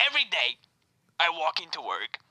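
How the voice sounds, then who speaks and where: A man's voice: fairly high pitch, huge pitch swings, moderate pace, bright, forceful tone, full character voice, poor audio. A man voicing a fussy male podcast-factory switchboard operator who rambles, hesitates and drops into whispers in a comedic improv bit. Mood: conspiratorial.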